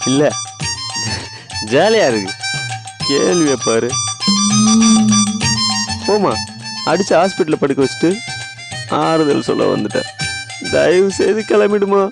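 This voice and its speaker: A whiny, injured young student. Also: male voice, fairly high pitch, animated, measured pace, gravelly, pauses often. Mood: sarcastic complaint. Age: young adult. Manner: complaining, exasperated, sarcastic. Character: bandaged young male student, whiny and sarcastic. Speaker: injured college student in hospital. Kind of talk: TV serial acting. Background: background music.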